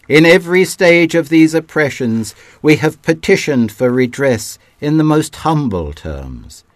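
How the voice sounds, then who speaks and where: A man giving a measured, declamatory reading of a historic document, dropping low at the ends of phrases. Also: dry recording, clean studio sound. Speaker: reader.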